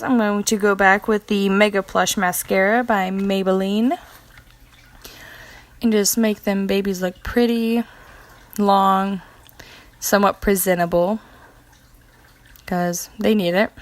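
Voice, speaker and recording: A young woman talks through her makeup routine like she is chatting with a friend. She is casual and informal, slips in fillers, and corrects herself now and then. She has the hiccups, and her voice sits at an ordinary middle pitch. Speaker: beauty vlogger. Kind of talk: casual makeup tutorial narration.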